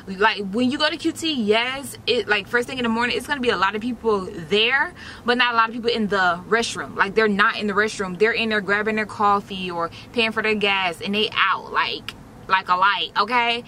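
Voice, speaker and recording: A woman's voice: medium pitch, moderate pace, bright, forceful tone, slight background noise. A young woman, chatting to her viewers in a slangy, direct way while doing a face mask inside a parked car, recorded on a camera close in front of her. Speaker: vlogger.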